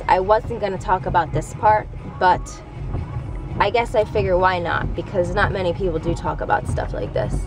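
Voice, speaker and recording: A woman's voice: fairly low pitch, poor audio. A woman in her twenties telling a personal story to a vlog camera inside a car, casual, hesitant and confiding. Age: 20s. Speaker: vlogger. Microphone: handheld or mounted camera at arm's length.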